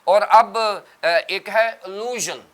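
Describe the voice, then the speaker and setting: A male pastor speaks in a somewhat high voice with a bright, forceful edge. His tone is smooth and crisp. He lays out ideas step by step like a teacher on a TV studio panel. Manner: teacherly, explaining terms step by step. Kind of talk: religious TV panel discussion.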